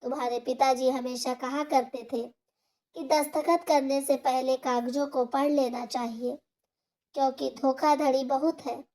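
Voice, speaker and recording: A woman voicing a gentle, trusting elderly widowed mother in a storybook tale, speaking softly and pleadingly. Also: high-pitched, steady tone, unhurried.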